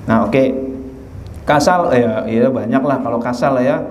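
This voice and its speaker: A man's voice: medium pitch, measured pace, slight background noise. Man preaching in an echoey hall. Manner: chatty, joking, acts out little dialogues. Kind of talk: mosque study sermon.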